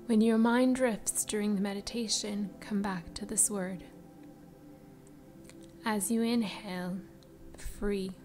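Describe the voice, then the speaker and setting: A woman guiding a meditation in a soft, breathy spa voice that trails into whispers, soothing and unhurried. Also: mid-range voice, fairly even intonation. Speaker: meditation guide. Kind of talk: slow guided meditation narration. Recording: music behind the voice. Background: background music.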